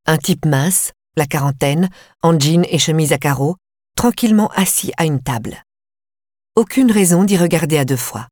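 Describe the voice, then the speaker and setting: In a close, dry recording free of room sound, a woman narrates an audiobook in the first person. Her voice sits low and her reading is calm and measured.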